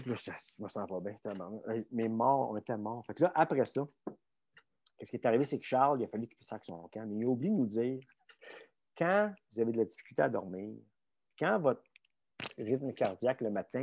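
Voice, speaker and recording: A man with a Québécois French accent telling a story casually as a guest, animated and full of filler words. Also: medium pitch, no echo. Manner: animated, fills talk with "là" and mild swearing.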